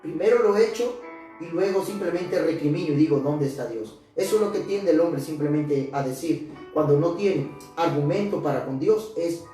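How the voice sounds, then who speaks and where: A woman's voice: low voice, normal speed, dark tone. A woman preaching a sermon with impassioned delivery, acting out scripture quotes dramatically. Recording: echoey church hall, mic at a distance, faint music.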